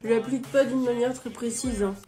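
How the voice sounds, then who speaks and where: A woman with a slightly high voice walks through her makeup routine one step at a time, relaxed and chatty. Clear background music plays under her narration. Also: a little fast. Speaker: beauty vlogger. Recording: music playing behind the voice.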